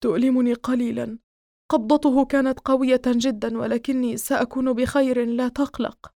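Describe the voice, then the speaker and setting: A frightened young man, played by a woman reader, pleading and shaky in a high, thin voice. He sounds close and dry, with no room around him, as in an audiobook character reading. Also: little pitch movement, moderate pace, dark tone, dry recording. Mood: pained, subdued. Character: frightened young man, injured, slowly vanishing.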